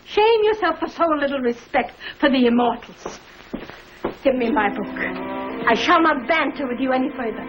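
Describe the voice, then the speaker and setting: An actress playing an earnest, genteel housewife in an old broadcast comedy-drama, using quaint, formal turns of phrase. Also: female voice, high voice, animated, moderate pace, lo-fi sound. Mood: indignant, scolding. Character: earnest, genteel housewife, easily indignant, reveres poetry. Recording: noisy vintage broadcast recording.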